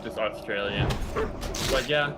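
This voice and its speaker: A man chatting casually over a game, laid-back and quick to laugh. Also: lowish voice, very noisy. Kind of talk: casual gaming chat.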